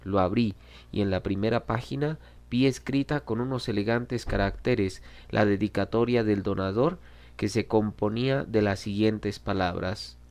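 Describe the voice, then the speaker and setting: A man reading a classic novel aloud in a measured, dramatic storytelling manner. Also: lowish voice, darkish tone, clean tone. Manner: measured, dramatic reading, voicing quoted lines. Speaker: audiobook reader. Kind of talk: scripted narration of a classic novel.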